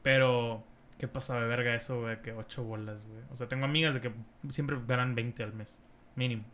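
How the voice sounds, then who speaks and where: A man's voice: medium pitch, fairly even intonation, brisk, a bit bright, a little hiss or hum. A young Mexican man with a Mexican accent, a streamer chatting casually in a rambling, slangy, profane way. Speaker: streamer and podcast host. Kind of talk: casual chat.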